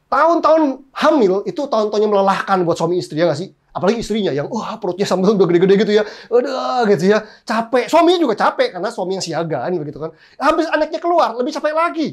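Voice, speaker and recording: A man in his thirties, a pastor, preaching a sermon through lively, humorous personal stories full of exclamations. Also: high voice, racing, hardly any pauses.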